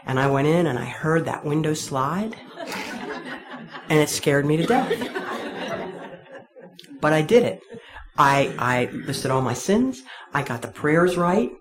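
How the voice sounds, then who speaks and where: A woman's voice: sits low, expressive, slow, long pauses, a crowd in the background. A woman telling an audience her own faith story in a candid, wry, self-deprecating way. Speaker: speaker sharing a personal faith story. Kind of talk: personal testimony told to an audience.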